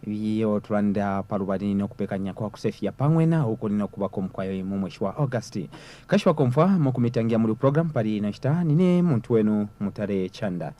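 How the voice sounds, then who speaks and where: A man's voice: lowish voice, expressive, fast, dull audio. A man with a Zambian accent, hosting and presenting a programme. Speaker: radio-style programme host.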